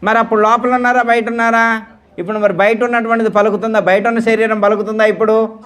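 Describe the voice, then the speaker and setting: A man leading a devotional discourse at a temple gathering, slowly repeating words and quizzing his listeners with questions to check they follow. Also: sits high, a bit bright. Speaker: spiritual teacher.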